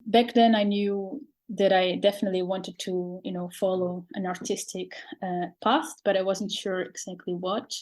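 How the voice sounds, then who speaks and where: Woman, from Portugal, non-native English speaker, interview guest, hesitant, halting, filler-heavy. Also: medium pitch, little pitch movement, darkish tone. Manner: hesitant, many fillers and restarts, laughs often. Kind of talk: interview conversation.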